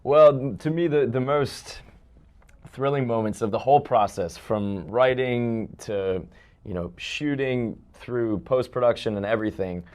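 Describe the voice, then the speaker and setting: A man's voice: mid-range voice, a little slow, darkish tone. A man who wrote and directed a film, speaking earnestly and reflectively in an interview. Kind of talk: casual interview chat.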